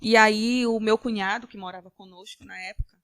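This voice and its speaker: A woman giving a personal faith-filled testimony as a podcast guest, earnest, with halting restarts. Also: medium pitch, fairly even intonation, a bit bright, clean tone, no room sound, clean studio sound. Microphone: studio podcast mic.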